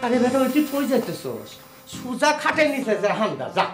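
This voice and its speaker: A man's voice: very high voice, huge pitch swings, a little fast, soft background music, heavily acted. An actor playing a middle-aged, belligerent drunk village father in a comic TV drama, ranting sarcastically in a rural Bangladeshi accent. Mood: sarcastic.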